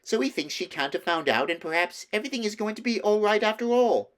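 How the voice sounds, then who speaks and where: Man voicing an eager, high-pitched young girl. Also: fast. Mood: happy, excited. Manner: excited, breathless enthusiasm.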